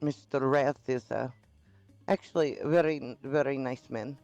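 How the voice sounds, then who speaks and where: A man's voice: mid-range voice, fairly even intonation, moderate pace, a little mellow, highs cut off, soft background music, lightly acted. A man playing a courteous, self-deprecating townsperson who speaks formally and a little hesitantly in a role-play game. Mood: good-humored. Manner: formal address, hesitant murmured agreement. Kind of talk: improvised in-character role-play chat.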